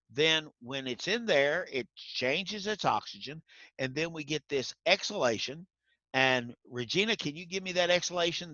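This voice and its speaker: Bright-voiced man teaching class. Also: on the high side, no room sound, lo-fi sound. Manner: folksy, quizzes students by name. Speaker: instructor.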